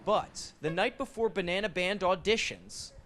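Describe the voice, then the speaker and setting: A male sports reporter giving scripted news narration with a lively storytelling delivery. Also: sits high, moderate pace, loud music behind the voice.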